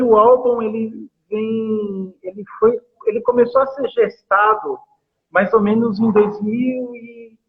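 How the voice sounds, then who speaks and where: A man with a Paulistano accent and a fairly high voice talks hesitantly, filling pauses and tagging questions. He comes through a tinny, phone-like video call line. The chat is relaxed and unscripted. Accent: Paulistano Brazilian Portuguese. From São Paulo, Brazil. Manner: hesitant, many fillers and tag questions. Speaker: poet being interviewed. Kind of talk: casual interview over a video call.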